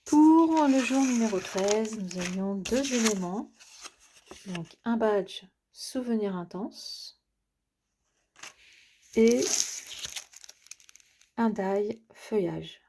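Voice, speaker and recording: A woman's voice: mid-range voice, extremely slow, pauses often, noisy background. A woman chatting casually to her viewers as she unboxes craft items, hesitating often with filler sounds. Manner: chatty, addresses the viewer directly. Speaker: craft vlogger.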